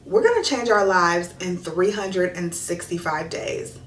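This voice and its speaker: A woman's voice: fairly low pitch, very animated, a little slow, distant mic, slight background noise. A woman in her thirties talking straight to her viewers in an upbeat, chatty vlog, hyping them up about the year ahead. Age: 30s. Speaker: lifestyle vlogger. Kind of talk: upbeat direct-to-camera vlog chat. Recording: echoey room with faint music.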